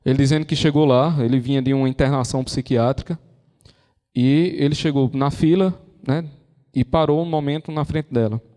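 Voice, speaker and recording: A man's voice: mid-range voice, dark tone. A man with a Brazilian Portuguese accent giving a lecture, telling stories conversationally and acting out the quotes. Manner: conversational storyteller, acts out quotes. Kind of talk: lecture on intellectual and moral formation. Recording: long hall reverb.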